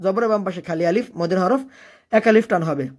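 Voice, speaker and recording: A Quran recitation teacher giving a step-by-step lesson. The teacher chants each word in a slow, long-drawn way, then explains the rule quickly and asks and answers their own questions. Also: mid-range voice, darkish tone. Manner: leads the learner, asking and answering its own questions.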